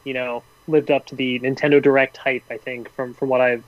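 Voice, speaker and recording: A man's voice: mid-range voice, little pitch movement, brisk, no echo. A man co-hosting a casual podcast, thinking aloud and hedging his opinions with "I think" and "you know". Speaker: podcast co-host. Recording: dull, muffled sound.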